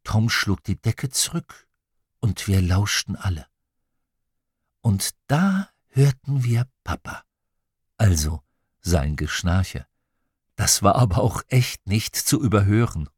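A man narrating a children's audiobook, telling the story in a lively, expressive way into a close studio mic. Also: lowish voice, slow, pauses often, slightly rough, dry recording. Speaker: audiobook reader.

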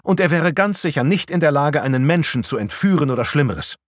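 A man's voice: a little high, animated, brisk, dry recording, clean studio sound, pitched above the performer's own voice. A man voicing a wife who firmly defends her husband in an audiobook. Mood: indignant. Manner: firm, indignant.

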